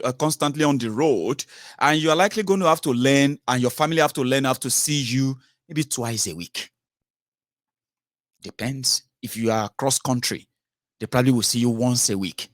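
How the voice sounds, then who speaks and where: With a Nigerian accent, a man hosts a political phone-in show, trading commentary with callers in a conversational, emphatic style full of rhetorical questions and tag questions. His medium-pitched voice is a bit bright, recorded in studio quality with no room sound.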